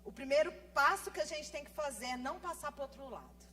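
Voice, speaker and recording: A woman in her thirties, a pastor, preaching a sermon fast and with lively swings between soft asides and loud emphasis. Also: high voice. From Brazil. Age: 30s. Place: church.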